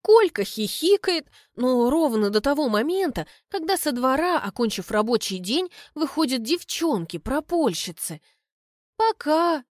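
A woman narrating an audiobook in the first person, her rather high voice moving lively up and down. She tells the story with an ironic, expressive touch, close to the mic in a dry, dead room. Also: normal speed, hardly any pauses, dry recording.

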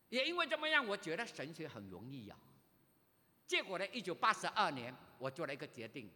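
An older male pastor from Malaysia, telling his own story in a sermon, animated, with sudden loud rises. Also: on the high side. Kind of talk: sermon, personal testimony. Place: church sanctuary. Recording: reverberant church hall.

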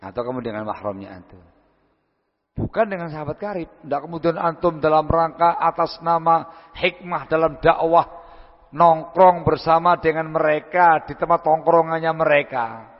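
A man preaching and answering questions at a religious gathering, lively and acting out short everyday conversations as he teaches. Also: fairly high pitch, moderate pace. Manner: lively, acts out short everyday dialogues, frequent Arabic phrases. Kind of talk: lecture-style Q&A sermon. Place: large hall at a study gathering. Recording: dull lo-fi sound, long hall reverb.

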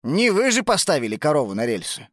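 A woman's voice: low-pitched, big pitch swings, quick pace, dry recording, studio quality, voice pushed down. A woman playing a fretful old grandpa. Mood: relieved. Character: fretful kindly grandfather, older man.

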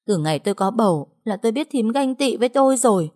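A woman voicing a scheming young pregnant wife who wails and accuses in a tearful, shrill voice. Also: animated, quick pace, dark tone. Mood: whining accusing.

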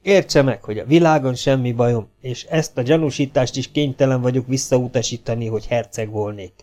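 A man's voice: medium pitch, darkish tone, faint music behind, close to an everyday voice. A man voicing a stubborn young legionnaire who answers with wry, polite defiance.

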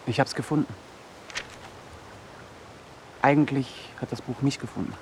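A male actor voices a brooding, vulnerable young outcast in a naturalistic radio drama, his delivery earnest, halting and searching. The natural voice is medium-pitched, steady and darkish, with a little hiss or hum.

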